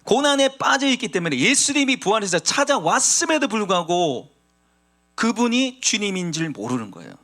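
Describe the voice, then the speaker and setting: Korean pastor preaching with emphasis. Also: male voice, sing-song, moderate pace, bright, forceful tone. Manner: emphatic preaching, acting out quoted voices with rising pitch. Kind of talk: sermon.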